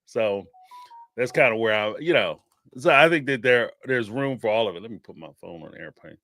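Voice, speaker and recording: A man from the Northeastern United States with a Philadelphia accent hosts a live-stream show taking call-ins, speaking in a lowish voice at normal speed. He's animated and rambling, laughing often and using many fillers.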